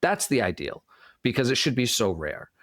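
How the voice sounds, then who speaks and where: A man's voice: medium pitch, sing-song, normal speed, a bit bright, no room sound, clean studio sound. A man with a Boston accent explaining his views as an interview guest, often posing questions and answering them himself. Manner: poses and answers own questions. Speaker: podcast guest.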